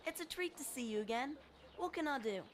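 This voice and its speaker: A high, chirpy London newspaper boy. He is eager and streetwise, in video game dialogue over faint background noise. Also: animated, fairly quick. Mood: eager, helpful. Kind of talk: video game character acting.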